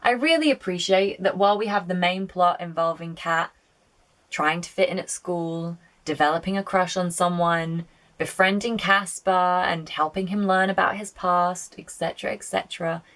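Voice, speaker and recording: Woman, lower-pitched voice, chatty and sweary, opinionated film reviewer, casual commentary. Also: normal speed, fairly bright tone.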